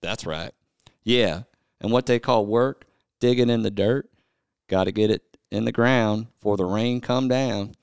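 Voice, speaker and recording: A man's voice: lowish voice, measured pace, a little mellow, smooth, dry recording, clean studio sound. A man co-hosting a casual podcast, read-singing country song lyrics for laughs. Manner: reads song lyrics in a half-sung, joking way. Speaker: podcast co-host.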